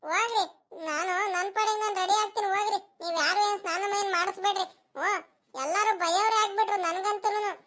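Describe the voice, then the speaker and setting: A voice actor playing a whiny village schoolboy in an animated cartoon, complaining in rural speech. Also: very high-pitched, fast. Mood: whining.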